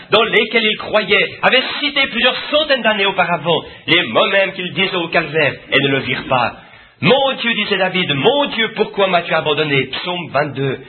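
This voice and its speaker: A man preaching a sermon with impassioned, rising and falling emphasis. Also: sits high. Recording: tinny phone-like old sermon recording.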